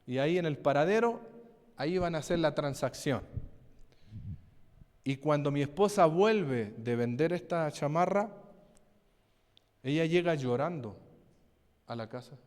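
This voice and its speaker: Pastor preaching in an echoing hall. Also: male voice, on the high side, expressive, unhurried, long pauses, a little mellow. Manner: storytelling, asks the congregation questions. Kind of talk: sermon with personal testimony. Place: church hall. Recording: long hall reverb.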